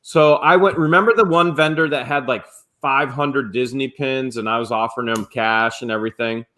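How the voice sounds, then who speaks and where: A man's voice: mid-range voice, moderate pace. A man chatting on a live stream, telling a long story and acting out the quotes. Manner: animated storyteller, acts out quotes. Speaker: flipping channel host. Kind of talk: casual live-stream chat.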